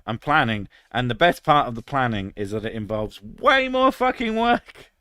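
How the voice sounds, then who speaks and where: A British man in his thirties reads chat on a casual live stream, crude and sarcastic and swearing freely. His mid-range voice is a bit bright with a clean tone, and the studio-quality audio has no room sound.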